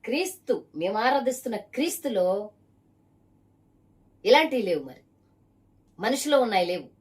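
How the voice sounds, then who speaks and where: A woman's voice: fairly high pitch, big pitch swings, moderate pace, distant mic. Emphatic woman preaching. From Visakhapatnam area, Andhra Pradesh. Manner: emphatic, pointed rhetorical questions to one listener. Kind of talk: preaching testimony.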